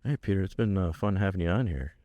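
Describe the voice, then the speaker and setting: A man hosting a radio show, chatting casually with a guest, laughing often and filling pauses with restarts. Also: low voice, warm tone, no echo, highs cut off. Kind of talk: casual radio interview chat. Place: radio studio.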